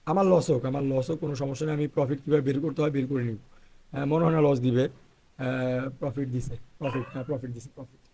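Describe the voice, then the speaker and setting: A hoarse man who is feeling unwell, talking through live trades as an instructor and checking "okay?" after each point. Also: mid-range voice, fairly even intonation, fast talker, dark tone. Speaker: trading instructor. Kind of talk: live trading walkthrough.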